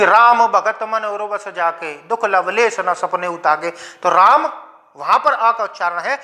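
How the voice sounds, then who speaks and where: A man teaching Hindi grammar in a lecture, asking questions and answering them himself, repeating example words slowly. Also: high voice, sharp tone. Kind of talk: classroom lecture.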